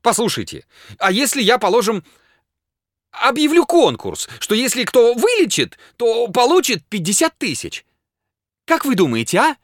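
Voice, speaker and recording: A man voicing a terrified gentleman who fears he is going mad, pleading desperately in high outbursts. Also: wildly swooping pitch, moderate pace, dry recording, clean studio sound, full character voice. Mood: frantic pleading. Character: frantic terrified man, gentleman fearing madness.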